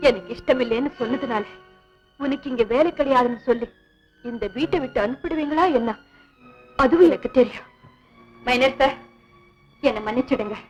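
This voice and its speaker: An actress plays a frank, spirited young woman in a classic film drama, her voice high and bright as she pleads and argues tearfully. A faint film score plays softly behind her. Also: moderate pace, long pauses, faint music behind, lightly acted, rough recording. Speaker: lead actress in a film scene. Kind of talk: 1960s film drama dialogue.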